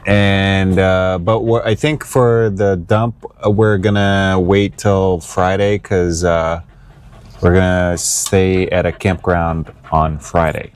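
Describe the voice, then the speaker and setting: A man casually narrating a road-trip vlog, relaxed and rambling with lots of fillers. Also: low-pitched, takes it slowly, clear, resonant tone. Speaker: vlogger. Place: inside an RV and outdoors on the road. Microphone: smart glasses camera.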